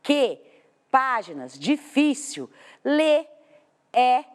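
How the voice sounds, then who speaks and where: Brazilian woman, studio teacher, high and lively, asks the class questions as she explains. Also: extremely slow. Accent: Brazilian Portuguese. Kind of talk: televised classroom lesson. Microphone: studio microphone.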